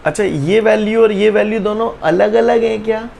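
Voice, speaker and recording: High-pitched, gravelly-voiced physics teacher. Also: male voice, moderate pace, a little mellow, a little hiss or hum. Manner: teasing, repeats questions to students, drills chants. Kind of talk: online class lecture.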